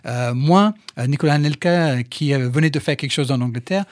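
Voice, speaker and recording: A man's voice: mid-range voice, fairly quick, dry recording, studio quality. Englishman speaking French with an English accent. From England. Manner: animated storyteller, fillers and restarts. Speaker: podcast guest. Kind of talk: casual conversation. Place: studio.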